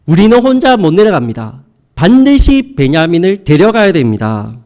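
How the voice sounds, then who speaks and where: A preacher voicing insistent pleading grown sons. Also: male voice, sits high, very animated, moderate pace, darkish tone.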